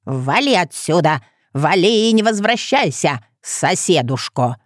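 A woman voicing a sly, hunched ancient village witch woman who talks in a slow, creaky, mocking way. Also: on the low side, big pitch swings, dry recording, studio quality.

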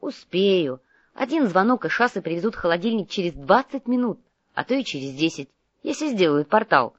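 A woman voicing a calm, shrewd young male mercenary who bargains firmly and businesslike. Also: lowish voice, normal speed, dry recording, lo-fi sound. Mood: bargaining.

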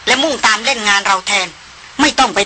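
A steady, courteous male jungle guide from an audiobook novel, read by a woman. The voice is bright and forward, and the delivery is measured and assured. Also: fairly high pitch, slight background noise. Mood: calm, assured. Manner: measured, polite.

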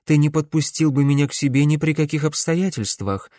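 A man's voice: on the high side, darkish tone, no room sound, clean studio sound, voice pushed up, natural voice. A man voicing Cordelia, a stern sorceress. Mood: insistent. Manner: measured, insistent. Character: stern middle-aged woman sorceress, a necromancer. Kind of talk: audiobook character reading.

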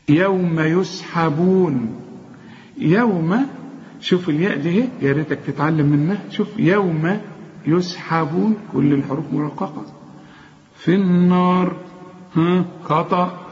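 High-voiced Egyptian sheikh teaching recitation. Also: male voice, a little mellow, in a large hall, muffled recording. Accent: Egyptian Arabic. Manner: corrects errors and chants examples. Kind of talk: tajweed lesson.

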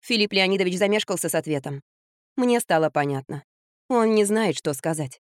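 A woman narrating a first-person audiobook, her pitch swinging widely and expressively. The recording is dry and close. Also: dry recording. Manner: expressive, brisk storytelling.

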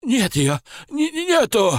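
A man's voice: very high-pitched, huge pitch swings, slow pace, dry recording, studio quality, pitched above the performer's own voice, exaggerated voice. A man voicing a frightened, stout male merchant who stammers and whines shrilly in an audiobook. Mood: panicked.

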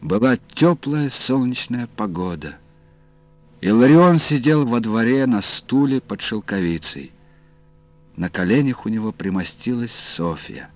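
A man narrating an audiobook in the first person with expressive, varied delivery. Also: medium pitch, unhurried, no room sound. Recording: dull dry studio audio, faint music.

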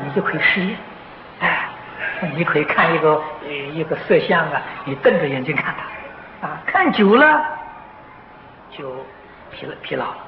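Older man giving a patient sutra lecture. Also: on the high side. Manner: slow and patient, many drawn-out "ah" fillers; clears throat now and then. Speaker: Buddhist teacher. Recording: dull, roomy, noisy old tape of a lecture hall.

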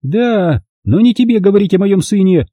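A man's voice: high-pitched, big pitch swings, fairly quick, warm tone, breathy edge, no echo, studio quality, pitched above the performer's own voice, exaggerated voice. A man reading an audiobook, voicing a harsh, scornful middle-aged woman who scolds coarsely.

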